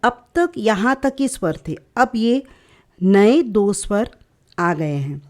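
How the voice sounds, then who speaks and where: A woman teaching young children in a very slow, unhurried voice, sounding out each letter patiently. She mixes English words into her explanations. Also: mid-range voice, animated, darkish tone. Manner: slow, patient, syllable-by-syllable drilling. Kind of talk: children's lesson.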